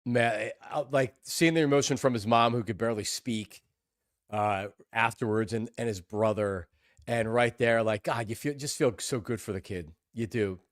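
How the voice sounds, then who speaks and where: A man hosting a sports talk show, excitable and rambling, often repeating his words. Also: medium pitch, normal speed, no room sound, studio quality.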